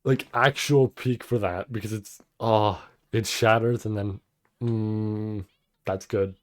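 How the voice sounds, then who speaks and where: A man's voice: fairly low pitch, little pitch movement, takes it slowly. A man hosting an anime reaction video, musing casually and swearing now and then when something impresses him.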